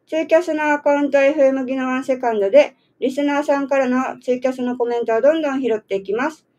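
This community radio host from Okinawa, Japan, talks fast in a high, slightly mellow voice, a bit nasal from a cold. Her casual chat is full of laughter and teasing questions, and the audio is dull.

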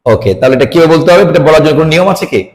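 A man's voice: on the high side, animated, very fast, darkish tone, low-quality recording. Bangladeshi man teaching English letters. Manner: mixes English and Bengali, playfully feigns mistakes. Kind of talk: playful classroom lesson with a student.

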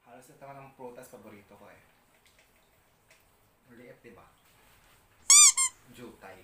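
Isang lalaking may na masayang nakikipagkuwentuhan sa mga manonood habang ngumunguya sa isang mukbang vlog. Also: male voice, medium pitch, moderate pace. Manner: chatty, laughing, addresses viewers. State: talking while chewing. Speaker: vlogger. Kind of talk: casual mukbang vlog chat. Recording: roomy, distant, noisy home recording.

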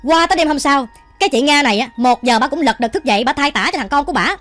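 Rapid Southern Vietnamese woman telling ghost stories. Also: high-pitched, expressive, fairly bright tone, soft background music. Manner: chatty, addresses listeners directly. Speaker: storytelling channel host. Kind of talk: ghost story narration while cooking.

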